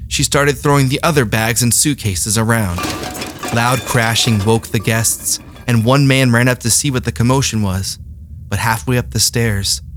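A man, host of a comedy show, telling a ghost legend in a deadpan, self-mocking way. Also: mid-range voice. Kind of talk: deadpan spooky narration turning into a mock ghost-hunt recording.

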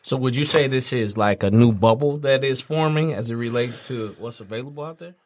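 A man's voice: mid-range voice, brisk. A man hosting an interview podcast, asking questions and telling stories in a loose, chatty way. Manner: storytelling, animated when telling anecdotes. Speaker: podcast host. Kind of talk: casual interview chat.

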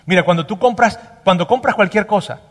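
A man preaching a sermon as pastor, emphatic and animated, dropping to a hush and then rising loud again. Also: sits high, brisk, in a large hall.

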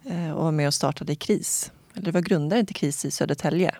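Woman interviewer, lowish voice, mellow tone, short calm questions. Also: no echo.

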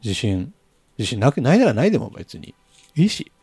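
A man's voice: mid-range voice, sing-song, normal speed, a little mellow, slightly rough, dry recording, studio quality. A man hosting a casual podcast, polite and agreeable, often chiming in. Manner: agreeable, polite, frequent interjections. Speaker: podcast host.

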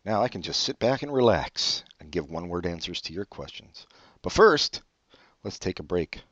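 A low, very animated male voice at normal speed, slightly bright, with no echo. He's a podcast co-host, born in Brazil and raised in California, chatting casually in a dry, rambling comedic way and swearing offhand. The audio is dull, dry and lo-fi.

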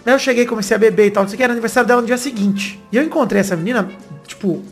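Man, podcast panelist, rapid-fire talker, fond of swearing, faint music behind. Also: extremely high pitch. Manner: animated, swearing, slangy, laughs while telling. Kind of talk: casual storytelling chat.

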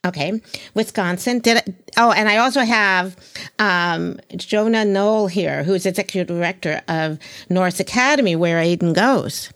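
An eager, talkative woman hosts a casual podcast interview. She speaks at a mid-range pitch and laughs easily between her questions. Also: normal speed, a bit bright. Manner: enthusiastic, chatty, laughs often. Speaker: podcast host.

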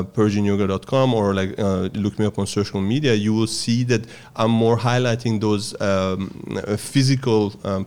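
A low-voiced man from Iran, a Persian strength and yoga teacher, appears as a guest giving thoughtful interview answers. He explains things patiently in a measured, slightly mellow way, with many hesitations.

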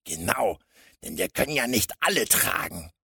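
Stocky crook yelling way up high, booming and gruff, storybook style. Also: male voice, big pitch swings, normal speed, dry recording, clean studio sound, full character voice. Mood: threatening. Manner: booming, growling threats. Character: stocky gruff male gangster, threatening. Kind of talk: storybook reading.

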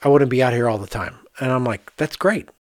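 With a mid-range voice and a fast way of talking, a male architect hosting a podcast spins lively anecdotes, quoting people as he goes in a casual chat. The recording is studio quality, without echo.

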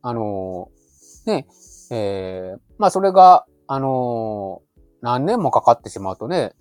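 A man's voice: medium pitch, big pitch swings, slow, darkish tone, dry recording, studio quality. A man speaking as an expert guest, explaining advice conversationally in a polite, tentative way. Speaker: expert guest, labor consultant. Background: faint music.

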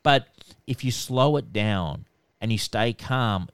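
A man with a nasal voice, a debt collection expert giving calm, instructive answers in a podcast interview. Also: mid-range voice, slow pace, clean tone, dry recording. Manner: calm, instructive, repeats "okay".

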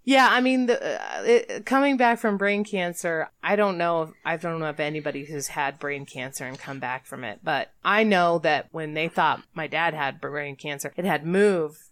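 A woman's voice: low voice, expressive, normal speed, few pauses, a bit bright, no echo. Wry woman chatting, dry close sound. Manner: wry, sarcastic, laughs often. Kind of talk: casual chat.

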